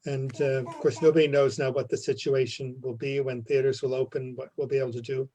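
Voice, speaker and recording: A man heard over a video call as an interview guest, his voice mellow and warm. He speaks calmly and evenly, taking his time with each answer. The sound carries the slight thinness of a remote link. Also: mid-range voice, brisk, a little hiss or hum, low-quality recording. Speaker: head of a theater company.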